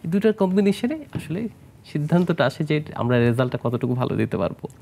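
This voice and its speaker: This Bangladeshi male plastic surgeon speaks quickly in a high, creaky yet mellow voice with big pitch swings. As a studio health interview guest, he explains treatments, slips in English medical terms, and questions the host.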